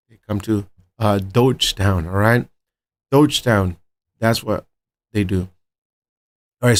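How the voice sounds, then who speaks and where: Talking viewers through live charts, this crypto channel host has a medium-pitched voice and an upbeat manner. He checks in frequently with "right" and "all right," speaking straight to "guys" and "my friends."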